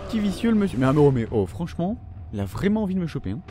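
A young man with a fairly high voice gives let's play commentary. He swears freely and taunts his enemies as he plays. Faint game gunfire sits under his voice. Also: big pitch swings, rapid-fire, mellow, a little hiss or hum. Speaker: gaming video host.

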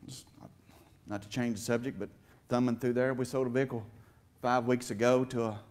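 A middle-aged man preaches his testimony in a church sanctuary with a stage, heartfelt and emotional, with emphatic swells. His medium-pitched, slightly mellow voice moves a little fast with fairly even intonation. The audio comes from a distant camera.

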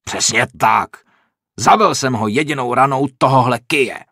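A man's voice: medium pitch, sharp tone, no room sound, clean studio sound. A man voicing a boastful, brutish male bandit leader who roars and blusters, in an audiobook. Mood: bellowing. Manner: roaring, blustering.

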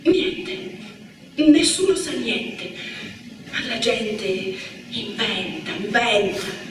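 A woman's voice: extremely high pitch, expressive, slow pace, background noise, voice pushed up, exaggerated voice. A woman reading aloud voices Dina, an anxious young wife calling out for news of her husband, in an echoey hall. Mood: desperate. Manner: urgent, shouting. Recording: echoey hall, distant mic.

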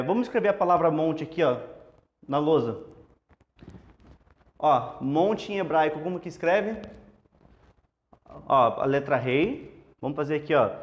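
Brazilian male teacher, fairly high voice, relaxed and chatty, walks through letters on a board, dull lo-fi sound. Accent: Brazilian Portuguese. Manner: relaxed, chatty, explains step by step. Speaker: Hebrew teacher. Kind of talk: casual lesson at a whiteboard. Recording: dull lo-fi classroom audio.

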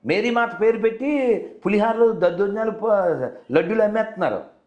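At a moderate pace, a man with a high, expressive voice hosts a phone-call debate in a conversational style. He persists with probing, leading questions, and the call is recorded with a roomy, echoey sound.

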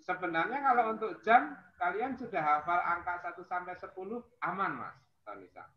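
A man teaching a language class patiently, explaining slowly with many fillers. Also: high-pitched, expressive. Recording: muffled roomy audio with faint noise.

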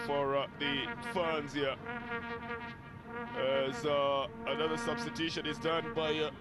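A man with a Kenyan accent giving live football commentary in measured, descriptive phrases. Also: on the high side, flat delivery, loud music behind the voice.

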